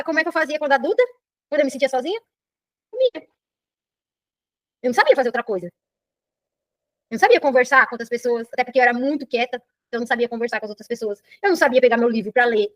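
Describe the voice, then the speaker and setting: During a live online class, a middle-aged Brazilian personal development coach speaks very quickly and animatedly in a high voice, with a Brazilian Portuguese accent. She constantly checks on her listeners with "entendeu?". Her voice comes across dry and close, with no echo.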